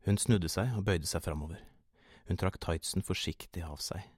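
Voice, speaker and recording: A man narrating a first-person erotic story in a calm, measured way. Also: low voice, slightly rough, no echo, clean studio sound.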